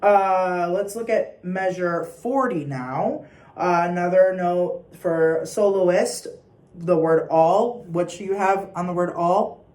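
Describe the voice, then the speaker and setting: Slow-spoken choir teacher in an echoey room. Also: medium pitch, a little mellow. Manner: patient, sings example phrases. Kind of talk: recorded rehearsal instructions.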